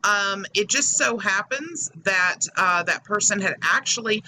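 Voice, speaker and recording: A woman hosts a YouTube commentary, chatting casually to subscribers in a mid-range, bright, forceful voice with lively intonation and a slightly slow pace. A faulty microphone makes her sound metallic, tinny, and hollow, and a fan whirs in the background.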